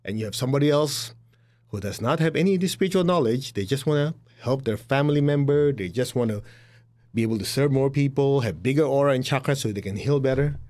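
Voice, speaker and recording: Speaking fast in a mid-range, slightly mellow voice, a middle-aged Chinese-accented teacher delivers a direct spiritual talk. He laughs at his own jokes and puts on voices for those he quotes.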